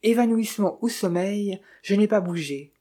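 A young clerk playing detective, thrown into confusion and firing off anxious questions, voiced by a woman reading the book. The tone is mellow and slightly breathy. It is an audiobook character voice. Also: medium pitch, normal speed, lightly acted. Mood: weary. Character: young male clerk, bewildered amateur sleuth.

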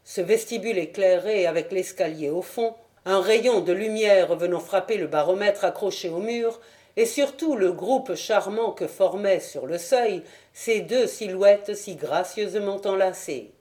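A woman reading a novel aloud as an audiobook in measured, even scripted narration. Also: mid-range voice. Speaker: audiobook reader.

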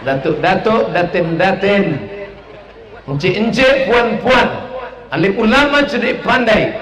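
A man's voice: high voice, animated, slow pace. A man gives a humorous public sermon at a large open-air gathering, often drawing call-and-response from the audience. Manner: jokey call-and-response with the crowd. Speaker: preacher. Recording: echoey PA sound with crowd noise.

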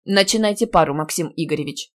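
A woman's voice: low-pitched, quick pace. Woman voicing a fussy outraged old-school dean. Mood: bossy. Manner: loud scolding, theatrical outrage. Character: indignant fussy middle-aged male deputy dean.

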